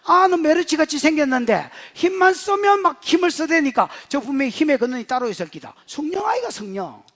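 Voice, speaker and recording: A middle-aged male pastor with a Gyeongsang Korean accent, preaching in a humorous, animated storytelling manner. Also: very high voice, brisk. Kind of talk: sermon.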